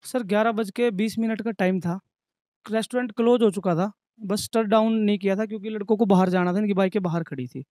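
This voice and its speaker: High-voiced aggrieved young man. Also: fairly even intonation, fairly quick, mellow, dry recording, studio quality. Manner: earnest, aggrieved, recounting in detail. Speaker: restaurant manager. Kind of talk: interview testimony.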